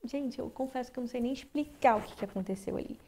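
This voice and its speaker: A woman's voice: on the high side, fast, dark tone. A woman from Brazil telling a personal story in a candid, conversational vlog, with many restarts. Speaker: vlogger.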